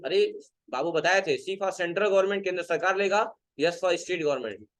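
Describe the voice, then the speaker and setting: High-voiced man teaching a class. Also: a little fast, a bit bright. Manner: asks students questions and answers them himself. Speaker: computer teacher. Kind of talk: classroom lecture.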